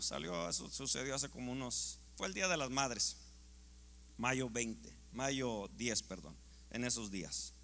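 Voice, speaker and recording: A male pastor preaching a sermon with passion, swinging from loud to hushed. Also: mid-range voice, big-room sound. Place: church sanctuary.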